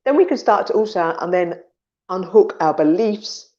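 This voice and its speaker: A woman's voice: fairly low pitch, animated, moderate pace, warm tone, highs cut off. A woman co-hosting a casual podcast chat, talking animatedly and acting out her inner voices, with some swearing. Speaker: podcast co-host.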